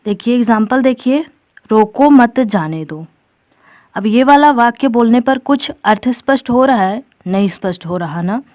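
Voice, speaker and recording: A woman's voice: on the high side, animated, moderate pace, a little mellow, dry recording, studio quality. Woman teaching an exam-prep grammar lesson. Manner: explains step by step, addresses viewers as friends.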